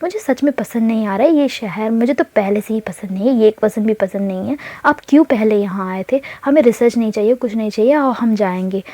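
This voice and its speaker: A woman voicing an angry, indignant teenage alien girl who protests in sharp questions. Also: on the high side, a little fast, hardly any pauses, no room sound.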